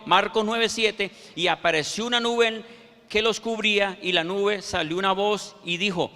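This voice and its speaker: A man preaching a sermon, quoting scripture verses with slow, emphatic pauses. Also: high-pitched, sharp tone. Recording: reverberant hall.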